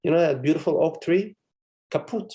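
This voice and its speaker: A man's voice: medium pitch, expressive, a little slow, creaky, dark tone. A man, a spiritual teacher, giving a meditative live satsang talk in a meandering, conversational way with frequent chuckles and asides.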